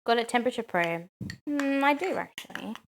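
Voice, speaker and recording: Woman cooking on stream at home, kinda high voice, chatty, lots of ums. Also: lively intonation, fairly quick, a little hiss or hum. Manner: chatty, many "um"s, answers chat aloud. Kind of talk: casual live-stream chat while cooking.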